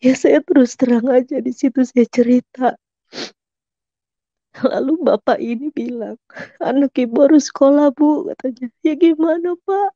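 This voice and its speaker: A woman's voice: high-pitched, normal speed, warm tone, dry recording, muffled recording. A middle-aged mother giving a personal testimony, emotional and at times tearful as she retells her prayers.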